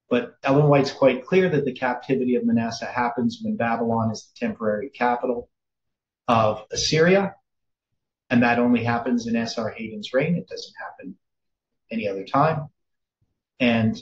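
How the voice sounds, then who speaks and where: A middle-aged man teaches in a halting, conversational way, his talk full of fillers and restarts. He speaks into a webcam in a small, roomy indoor space. The sound is dull and lo-fi. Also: medium pitch, a little hiss or hum. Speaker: Bible teacher. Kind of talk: teaching sermon with screen share.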